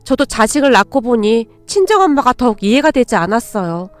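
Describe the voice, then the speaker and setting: A woman's voice: fairly high pitch, sing-song, a little fast, dry recording, soft background music. A young adult woman reading a first-person radio-style story in a confiding, emotional way.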